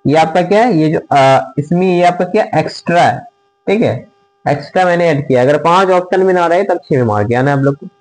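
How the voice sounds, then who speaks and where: A man teaching an online grammar lesson, asking questions and answering them himself, repeating the items slowly as he writes them out. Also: on the high side, darkish tone, poor audio. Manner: drills by asking and answering his own questions.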